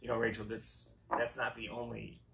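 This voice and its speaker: A middle-aged man delivers card magician patter in a chatty, rambling way, slipping in tongue-in-cheek asides. His medium-pitched voice is bright and forward, though it is picked up at some distance from the microphone. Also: completely flat delivery, normal speed, vocal fry. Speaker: magician co-host of a magic show. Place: small dark room, indoors. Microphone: phone camera set back from the table.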